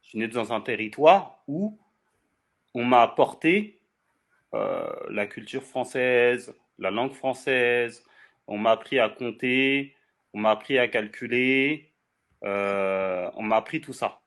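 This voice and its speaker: A man's voice: medium pitch, slow pace, a bit bright. Insistent forty-year-old French man debating. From France. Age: 40s. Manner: insistent, repeats phrases, talks over others. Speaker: debate guest. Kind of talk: heated debate.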